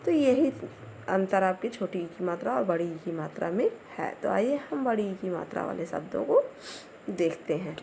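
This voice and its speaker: A woman teacher giving a Hindi spelling lesson to first graders, slowly reading words and sentences aloud for the children to repeat. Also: medium pitch, expressive, warm tone, a little hiss or hum. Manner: slow, clear, drills words aloud one by one. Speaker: primary school teacher.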